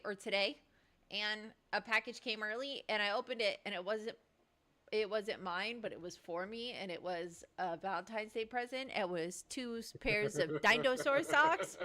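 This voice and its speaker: A woman chatting excitedly on a casual livestream, thinking aloud in slangy, chatty bursts. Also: medium pitch.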